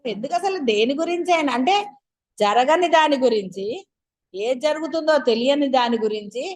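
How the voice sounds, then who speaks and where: In a spiritual discourse, a woman teacher with a high-pitched, slightly mellow voice and lively intonation addresses her listeners directly at a normal pace. She coaxes them along in a chatty way, firing off rhetorical questions.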